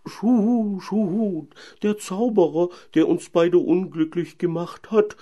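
A man's voice: high-pitched, fairly even intonation, warm tone, voice pushed up. A man doing a mournful hooting owl princess. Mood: pleading. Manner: hoots between phrases, slow and mournful. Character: sad enchanted owl princess, female, lonely, hooting.

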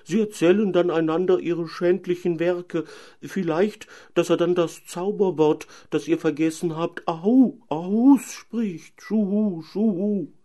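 A man voicing a lonely, sad enchanted owl princess who hoots between her slow, mournful phrases. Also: high-pitched, steady tone, dark tone, voice pushed up. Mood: pleading.

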